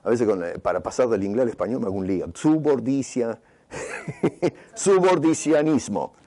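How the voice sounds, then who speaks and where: A man's voice: fairly low pitch, racing, mellow. A man preaching a sermon as pastor, with emphatic rising and falling delivery, stumbling and restarting over some words.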